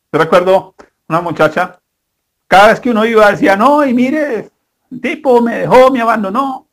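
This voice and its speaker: A man preaching a sermon as a guest pastor, earnest and slow with emphatic pauses. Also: sits high, fairly bright tone.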